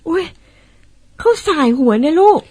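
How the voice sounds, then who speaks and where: An actress playing an excitable mother who exclaims and describes what she sees, in old-style radio drama acting. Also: normal speed, natural voice. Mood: exclaiming. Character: excitable mother, easily startled.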